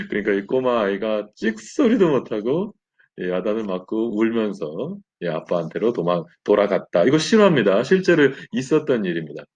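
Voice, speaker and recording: A man leads a Bible lesson with a slightly husky voice, telling his story with animated, wide-ranging pitch. He fills pauses with short affirming words. The recording sounds dull and lo-fi. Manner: animated storytelling with frequent "예" fillers. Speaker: Bible study teacher.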